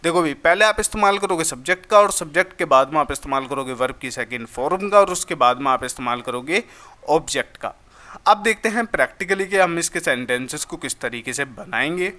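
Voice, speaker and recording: Bright-voiced man teaching grammar. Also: on the high side, animated. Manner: addresses listeners as brother, slow drawn-out example sentences. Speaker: English teacher. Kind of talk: explaining grammar lesson.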